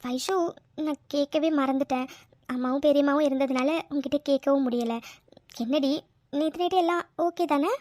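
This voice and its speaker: A woman voicing a young woman recovering from illness in a cartoon story, soft and probing. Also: sits high, fairly even intonation, moderate pace, no room sound, clean studio sound, close to an everyday voice. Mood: teasing.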